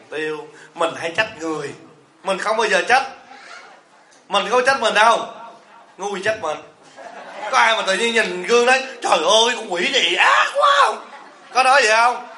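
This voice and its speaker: A man's voice: high voice, sharp tone. A man giving a humorous sermon as a Buddhist monk teacher, asking the audience rhetorical questions and joking with them. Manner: asks the audience rhetorical questions, jokes and teases. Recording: echoey hall.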